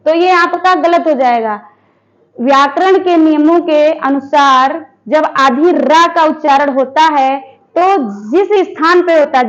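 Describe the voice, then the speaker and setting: A woman teaching a Hindi lesson for exam preparation. She asks her students questions, answers them herself and repeats each word slowly. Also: high voice, highs cut off. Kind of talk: online exam-prep lesson.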